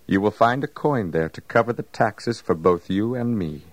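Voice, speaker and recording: An actor playing a calm, authoritative master teaching gently in a Bible audio drama. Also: male voice, on the low side, normal speed, heavy background noise, close to an everyday voice. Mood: calm, instructive.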